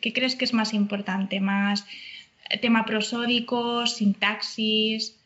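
A woman's voice: a little high, flat delivery, slow pace, a bit bright. Friendly woman interviewer, muffled sound. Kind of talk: conversational interview.

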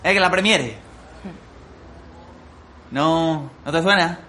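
An actor playing a pompous amateur show director who talks theatrically and flatters people. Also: male voice, fairly high pitch, slow pace, slight background noise. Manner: theatrical and wheedling.

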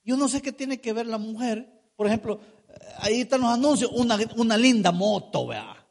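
A man's voice: very high-pitched, lively intonation, normal speed, vocal fry, darkish tone. A man preaching a sermon, emphatic, asking rhetorical questions and drawing out key words.

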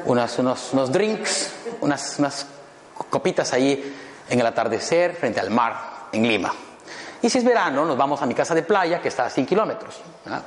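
A man, giving a playful motivational talk full of jokes and asides to his audience. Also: medium pitch. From Peru. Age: 50s. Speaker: motivational speaker. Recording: echoey hall with long reverb, faint noise.

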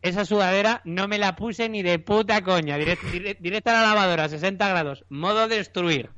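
A young man with a Spain Spanish accent tells a comic anecdote on a podcast, acting out the people in his story with animated energy. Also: high voice, fairly quick, no echo, dull audio.

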